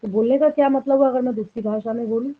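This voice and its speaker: A woman biology teacher giving a classroom lecture, dictating notes slowly word by word and often checking that students follow. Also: fairly high pitch, steady tone. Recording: tinny phone-like sound.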